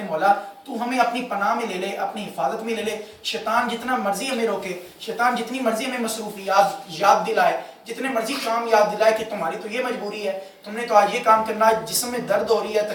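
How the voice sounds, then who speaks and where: A man's voice: sits high, a little hiss or hum. A man teaching a religious class at a mosque, emphatic and drilling his students in call-and-response. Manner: emphatic, repeats and drills the class, urges everyone to speak up. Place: mosque prayer hall. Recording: very echoey hall, voice from far off.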